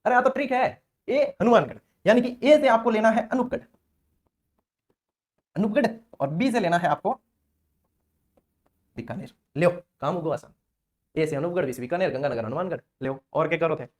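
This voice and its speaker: A man's voice: high-pitched, normal speed, long pauses. A man from Rajasthan, teaching an exam-prep lesson in a chatty, playful way, chanting memory tricks and acting out little scenes.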